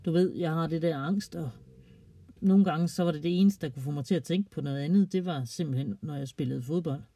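A narrator voicing a calm, kind older boy. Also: mid-range voice, dry recording, close to an everyday voice.

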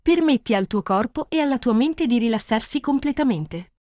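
A synthetic text-to-speech woman's voice reading a guided meditation slowly and calmly. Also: on the high side, no room sound, studio quality. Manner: slow, calm, soothing.

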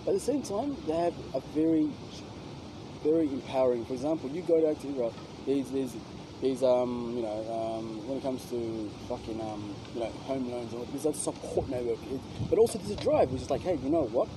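Man, fast, rambling, profane, outdoor traffic noise. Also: mid-range voice, expressive. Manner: rambling, heavy swearing, many fillers. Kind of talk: casual chat.

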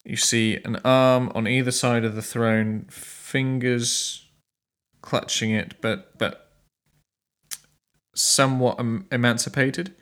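A man narrating an improvised tabletop game as game master, halting as he searches for words. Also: mid-range voice, little pitch movement, a bit bright.

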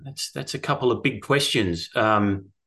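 A man's voice: mid-range voice, measured pace, fairly bright tone. A middle-aged man with an Australian accent, telling his story reflectively in a hesitant, thoughtful way. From rural Australia. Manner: hesitant, thoughtful phrasing with repeated words. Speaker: guest, course teacher. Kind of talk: reflective personal storytelling in conversation.

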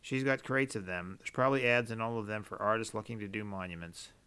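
A man reading aloud, voicing a calm, easygoing man who speaks softly and steadily. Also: fairly low pitch, fast talker, clear, resonant tone.

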